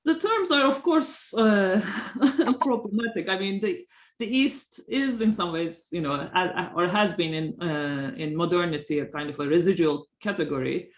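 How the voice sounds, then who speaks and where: A woman professor from Turkey answers interview questions, halting and full of fillers and little laughs. Her voice carries a noticeable echo from the room around her. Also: lowish voice, animated. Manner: hesitant, many fillers and restarts, frequent laughs. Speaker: professor, author. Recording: roomy echo.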